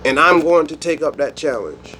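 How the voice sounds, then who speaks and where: A man from the United States hosting his own channel, speaking his mind in a rambling, animated monologue with frequent restarts. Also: fairly high pitch, normal speed, slight background noise. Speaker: YouTube channel host. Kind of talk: solo opinion monologue.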